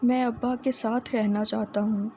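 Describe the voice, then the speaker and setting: A quiet, dutiful young man in an audiobook, read by a woman, soft-spoken and respectful. The voice sits fairly high and stays flat. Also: a little hiss or hum, lightly acted.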